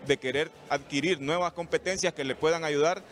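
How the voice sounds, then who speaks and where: A man's voice: fairly high pitch, steady tone, fairly quick, fairly bright tone, slight background noise. A middle-aged man, answering interview questions earnestly, often restarting his phrases, into a handheld mic in a large hall. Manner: earnest, explanatory, with frequent restarts. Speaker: institute director being interviewed. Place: large indoor hall with murals. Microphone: handheld reporter mic.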